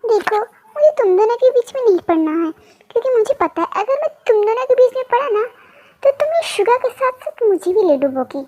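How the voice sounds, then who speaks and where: A wry, easygoing young man, played by a woman in a fan audio story. The voice stays very high, and he sounds worn out from refereeing other people's quarrels. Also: sing-song, fairly quick, warm tone. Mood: weary. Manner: wry, evasive.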